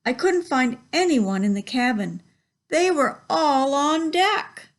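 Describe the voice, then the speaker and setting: This storytime reader has a high, animated voice and takes the picture book slowly. She reads expressively at the library and keeps turning to the children to chat about the illustrations.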